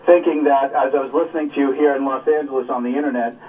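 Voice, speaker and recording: A man's voice: mid-range voice, fairly even intonation, fast talker. A man calling in to a radio show from afar, enthusiastic as he talks with an old colleague. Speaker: caller, former colleague. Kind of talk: phone call to a radio show. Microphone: phone line. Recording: dull distant phone line.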